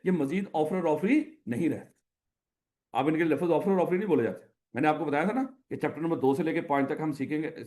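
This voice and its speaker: A man's voice: on the high side, a little mellow. A man with a Pakistani Urdu accent teaching a class, repeating questions and teasing his students affectionately. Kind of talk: classroom lecture.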